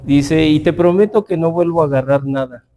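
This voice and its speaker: Bible class teacher, a man with a high voice, chatty and anecdotal. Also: normal speed, warm tone. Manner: conversational, tells anecdotes with quoted dialogue.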